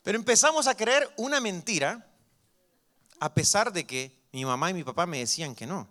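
A young man preaching a sermon as pastor, telling stories lively and acting out the dialogue. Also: high voice, normal speed. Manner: lively storytelling that acts out dialogue.

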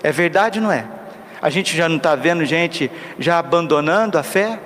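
Preaching priest in a reverberant church. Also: male voice, fairly high pitch, lively intonation, moderate pace, a bit bright. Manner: storytelling, with rhetorical questions to the congregation. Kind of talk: homily. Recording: long reverb with faint background noise.

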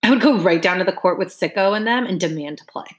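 Give me a woman with a somewhat low voice narrating a first-person audiobook, casual and wry. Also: quick pace.

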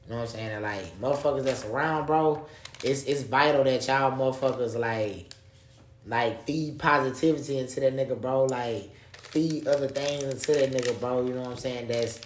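A man's voice: mid-range voice, normal speed, slight background noise. Slangy man podcasting in an echoey room. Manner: street slang, repeatedly addresses listener as bro; repetitive, emphatic phrasing. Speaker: podcast co-host. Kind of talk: casual opinionated podcast chat.

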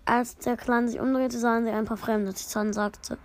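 A woman's voice: on the high side, fairly even intonation, moderate pace. Woman reading her own story aloud. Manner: rambling, self-correcting asides.

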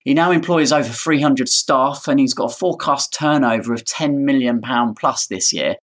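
A man presents an interview podcast. His voice is of average pitch, and he moves between prepared introductions and questions to his guest. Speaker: podcast host. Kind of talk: scripted introduction and interview hosting.

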